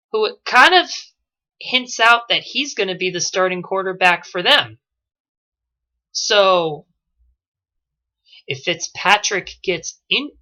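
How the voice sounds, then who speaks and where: A woman vlogging her opinionated sports commentary in an animated way, often correcting herself mid-sentence, on dull lo-fi audio. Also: lowish voice. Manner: animated, with frequent self-corrections.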